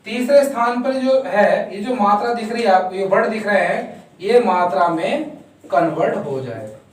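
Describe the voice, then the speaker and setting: A man teaching a shorthand lesson step by step, counting out strokes and answering his own questions. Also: extremely high pitch. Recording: very echoey room, voice far from mic.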